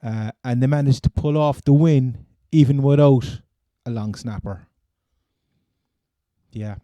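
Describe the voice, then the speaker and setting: Male sports co-host, Cork Irish accent, dark relaxed tone, dry close sound, halting and repetitive, casual chat. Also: mid-range voice, dry recording. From Cork, Ireland. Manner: rambling, stammering, repeats phrases. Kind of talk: casual American football chat.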